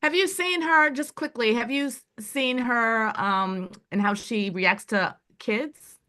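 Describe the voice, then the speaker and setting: A woman's voice: on the high side, slow pace, sharp tone. A woman hosting a virtual dog adoption event, asking fosters questions in a friendly, upbeat way over a video call. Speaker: event host.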